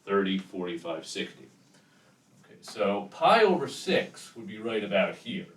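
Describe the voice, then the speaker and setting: A man's voice: on the low side, sing-song, a little slow, a bit bright. A man teaching a math lesson at a chalkboard, explaining step by step in a casual way, with chalk scratching and clicking behind him. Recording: echoey room, distant mic, background noise.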